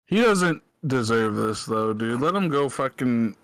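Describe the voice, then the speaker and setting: A young man hosting a casual podcast, relaxed and sarcastic, cursing freely as he reads out entertainment news. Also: medium pitch, unhurried, no echo. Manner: laid-back, swears, reads news with sarcastic asides. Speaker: podcast host. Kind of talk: casual chat.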